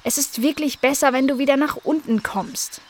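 A woman's voice: sits high, moderate pace, slight background noise, pitched above the performer's own voice, close to an everyday voice. A woman doing an eager young dog girl. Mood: scolding. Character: friendly young female dog, garden owner.

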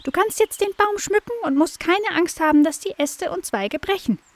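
A woman voicing a chirpy little female blackbird in a children's audio story, squeaky and excitable. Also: moderate pace, no room sound.

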